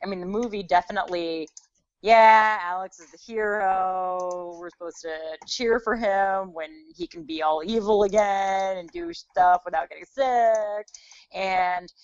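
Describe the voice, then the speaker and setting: A woman co-hosts a casual book podcast in an animated way, slipping into quoted inner thoughts as she goes. The audio is slightly muffled and lo-fi. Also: medium pitch, a little slow, clear, resonant tone, no echo. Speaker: podcast co-host.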